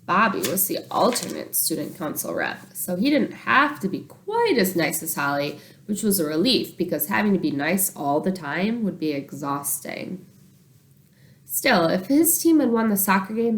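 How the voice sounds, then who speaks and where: A woman reads a children's book aloud in a teacherly way, expressive and animated as she acts out the dialogue. Her voice is medium-pitched.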